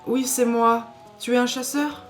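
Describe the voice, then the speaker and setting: A man's voice: very high voice, steady tone, measured pace, fairly bright tone, soft background music, voice pushed up. A man voicing a timid, hesitant little boy in a video game, in a childlike voice. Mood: timid, worried.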